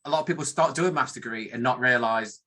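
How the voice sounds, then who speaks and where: In a bright, forceful, mid-range voice, this northern English academic statistician talks fast. He's middle-aged and gives an informal career presentation, wandering from point to point, self-deprecating and often beginning sentences again.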